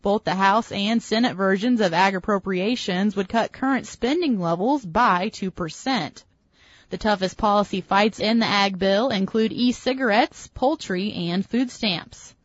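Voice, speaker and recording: A woman hosting a farm radio show and reading news in a steady, even way, taped off the radio. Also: mid-range voice, measured pace, no room sound. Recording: dull lo-fi radio sound, dry.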